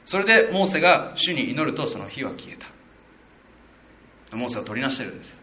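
A man preaching a conversational sermon as a pastor, working through a Bible passage verse by verse and acting out quotes with animated shifts in voice. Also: fairly quick, roomy sound. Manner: animated, acts out quotes of the people with shifts of pitch; conversational, with self-corrections and fillers.

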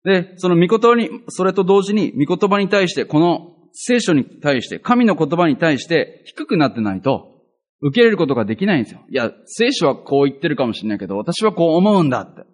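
A man's voice: fairly high pitch, big pitch swings, fairly quick. A male pastor giving a chatty, earnest Bible teaching, with self-deprecating asides.

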